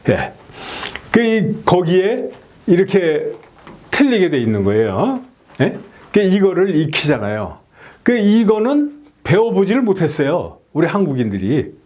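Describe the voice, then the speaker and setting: Middle-aged guy teaching english sounds, slightly high voice, keeps asking "yeah?". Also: unhurried. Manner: animated, frequent rhetorical "예?" checks. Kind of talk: explaining a lesson to camera.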